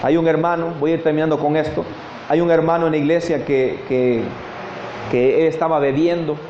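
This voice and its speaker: A man's voice: a little high, fairly even intonation, a little fast, reverberant, dull audio, a little hiss or hum. A man preaching a morning sermon as pastor, earnestly addressing his brethren and asking questions he then answers himself. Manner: earnest, repeats "mis hermanos", asks and answers questions. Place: church service, morning.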